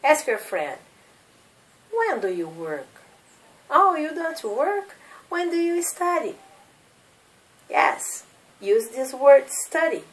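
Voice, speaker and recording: A Brazilian woman in her thirties with a Brazilian Portuguese accent teaches English as a second language, slowly drilling simple questions for learners to repeat in class. Her voice sits high and sing-song, slow with frequent pauses, and she's far from the mic.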